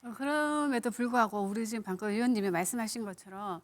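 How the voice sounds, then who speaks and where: A woman's voice: on the high side, fast talker. A woman commenting on a television current-affairs panel, giving opinions in an emphatic, direct way.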